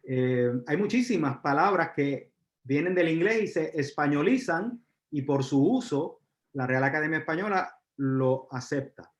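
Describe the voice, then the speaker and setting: A man from Puerto Rico with a Puerto Rican accent, giving a live university lecture, pausing on fillers and asking the audience questions. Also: a little high, animated. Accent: Puerto Rican Spanish. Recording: roomy, dull lecture recording.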